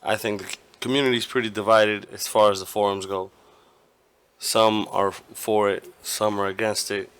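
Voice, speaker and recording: A gaming channel host with a hoarse, partly lost voice gives his opinions casually, rambling, restarting often and swearing now and then. His voice sits on the low side with a bit of brightness, and the recording is dry.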